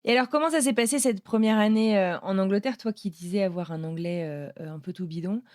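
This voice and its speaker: A woman's voice: mid-range voice, fairly quick, a little mellow, no room sound, studio quality. A woman in her thirties interviewing a guest in casual chat, asking questions and laughing along.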